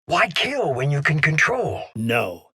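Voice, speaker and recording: The Illusive Man, husky cold mastermind. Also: fairly high pitch, huge pitch swings, sharp tone, dry recording, clean studio sound, heavily acted. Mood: firm, controlled. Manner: measured, deliberate, authoritative. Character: shadowy middle-aged male leader, cold, calculating, commanding mastermind. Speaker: head of a secret organisation. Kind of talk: dramatic video game voice acting.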